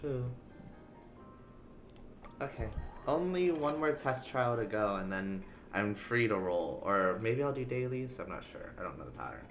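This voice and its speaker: Over music, a livestreamer with a mid-range, very animated voice chats to viewers in a casual, rambling way while playing, keeping a measured pace. Background noise and video game sounds run under the voice.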